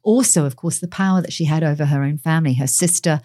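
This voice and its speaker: A woman's voice: deep voice, fast, warm tone, no room sound, clean studio sound. A woman chatting as a royal commentator, talking through frequent fillers and restarts. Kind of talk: casual radio chat.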